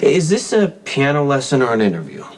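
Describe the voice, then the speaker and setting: An actor playing a reassuring young man on the run, speaking in a soothing, steady way, in a soap opera scene. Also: mid-range voice, brisk, a little hiss or hum. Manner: soothing, steady, gently teasing. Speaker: fugitive hiding under a false name. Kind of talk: daytime soap opera acting. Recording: soap scene with music bed.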